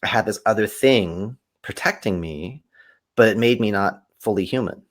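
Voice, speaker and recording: A man, a podcast guest, telling stories animatedly in conversation and acting out quoted voices with big swings in pitch. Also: normal speed. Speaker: podcast guest, kung fu teacher.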